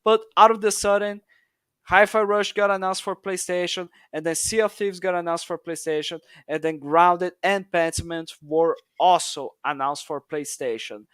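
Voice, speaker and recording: A man's voice: high voice, fairly even intonation, moderate pace, fairly bright tone, clean tone, no room sound, studio quality. A man on a gaming podcast panel, leading the topic and telling it like a story in casual chat. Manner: leads the topic, storytelling with restarts.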